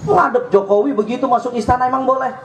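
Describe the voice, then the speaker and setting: A man preaching a sermon with a Jakarta Betawi accent, joking with the crowd and at times shouting. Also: very high voice, fast. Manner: joking, rising to shouts at points. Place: mosque or prayer hall. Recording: echoey hall with faint hum.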